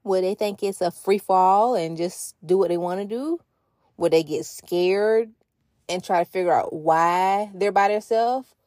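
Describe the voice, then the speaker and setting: A woman's voice: mid-range voice, measured pace, a little mellow, no echo, studio quality. A woman in her thirties telling a family story on her podcast in a chatty, conversational way, turning to ask listeners questions. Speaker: podcast host, mother. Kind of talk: casual storytelling monologue.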